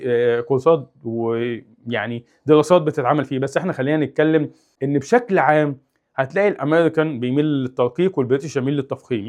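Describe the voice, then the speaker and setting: Explaining English casually, this young Egyptian-accented teacher stays lively and overdoes certain sounds to demonstrate them. His pitch is a little high.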